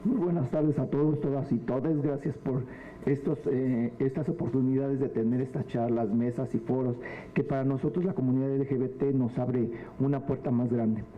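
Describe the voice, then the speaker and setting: A man's voice: medium pitch, steady tone, moderate pace. A man making a public comment at a forum, speaking earnestly and building to rhetorical questions. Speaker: audience member at a public forum. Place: legislative hall forum. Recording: tinny phone-like sound with faint hum.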